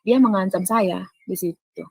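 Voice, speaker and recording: A woman's voice: medium pitch, moderate pace, gravelly, dark tone, breathy edge, no room sound, rough recording. A woman giving an earnest spoken testimony. She addresses her listeners directly and acts out the dialogue she quotes. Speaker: testifying speaker.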